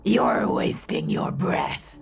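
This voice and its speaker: A woman voicing a cruel, gleeful rotting undead man who taunts in a slow, rasping whisper. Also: natural voice. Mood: mocking.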